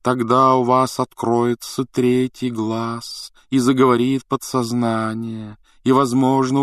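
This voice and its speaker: A dreamy, mystical female divination teacher, which a man puts on in a raised voice for an audiobook, drawing every phrase out in a slow croon. The sound is dry and close. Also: mid-range voice, no room sound, pitched above the performer's own voice, lightly acted. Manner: drawn-out, crooning delivery.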